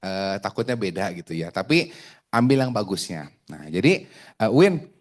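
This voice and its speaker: A man's voice: on the low side, sing-song, moderate pace. Man, sales trainer, chatty, joking, quizzes his audience. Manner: joking, chatty, asks the room questions. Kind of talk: casual training talk to a group.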